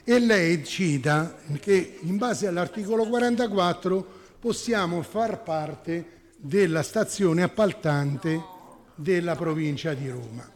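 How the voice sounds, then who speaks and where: Brief: councillor, man, fairly high voice, combative, stop-start, reverberant hall. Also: takes it slowly. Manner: argumentative, corrects himself often. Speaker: town councillor. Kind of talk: formal council debate. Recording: echoey council chamber.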